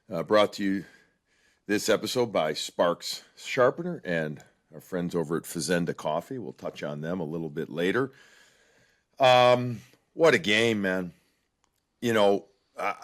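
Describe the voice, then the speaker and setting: Man, sports podcast co-host, lowish voice, lively casual delivery.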